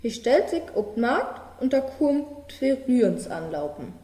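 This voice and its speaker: A woman reading a fairy tale aloud in a slow, measured storytelling manner. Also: a little high, sing-song, mellow. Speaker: reader. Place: studio of a media centre. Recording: roomy hall reverb.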